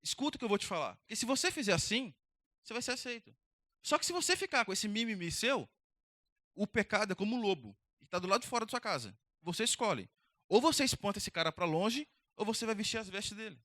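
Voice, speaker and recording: A patient, fatherly God speaks softly, coaxing and teaching, as a young preacher puts him on. The tone is bright and quick, and the recording is dry and close. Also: sits high, very animated, dry recording, heavily acted. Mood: gentle, coaxing.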